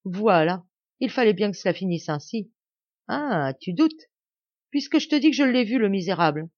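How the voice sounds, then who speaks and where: A woman's voice: mid-range voice, animated, moderate pace, darkish tone, no room sound, voice pushed up, lightly acted. A woman reading the lines of a mad old marquis who raves wildly, in a slightly dull, dry recording. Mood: raving. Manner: wild, raving outbursts. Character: old man, marquis gone mad, raving.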